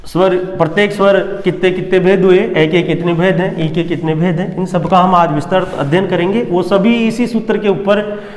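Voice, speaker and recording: A man's voice: high-pitched, steady tone, moderate pace. A man teaching Sanskrit grammar as a classroom lecture, posing questions and answering them himself, sometimes chanting verses in a sing-song tone. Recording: echoey room with long reverb.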